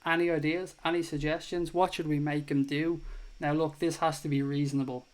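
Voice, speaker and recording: A man's voice: fairly high pitch, little pitch movement, a little fast. An Irish man in his thirties hosting a casual live football chat stream, reading viewer comments and swearing now and then. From Ireland. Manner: chatty, swears casually, thanks viewers warmly.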